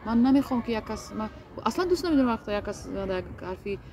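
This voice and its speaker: A woman's voice: medium pitch, animated, a crowd in the background. A woman, a guest in a casual interview, talking earnestly and hesitantly with many fillers and restarts.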